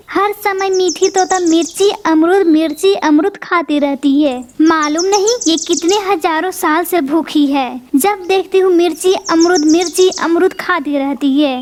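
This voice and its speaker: Woman as a teasing, gossipy cartoon sparrow, high and singsong. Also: slight background noise. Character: gossipy mocking female sparrow. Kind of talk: cartoon voice acting.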